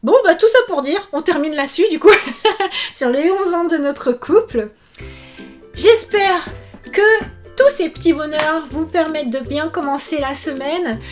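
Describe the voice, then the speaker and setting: High-voiced chatty woman vlogger. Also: measured pace, faint music behind. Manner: chatty, animated, many fillers. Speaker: YouTuber and author. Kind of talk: casual chat vlog.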